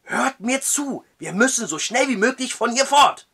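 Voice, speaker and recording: A man voicing a frantic, terrified young male clerk who pleads urgently in a high, strained voice. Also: expressive, measured pace, husky, full character voice. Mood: pleading.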